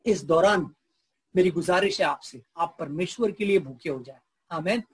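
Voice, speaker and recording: A male pastor preaching a sermon, telling a story with lively prompts to his audience. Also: sits high, moderate pace, breathy edge, no room sound, clean studio sound.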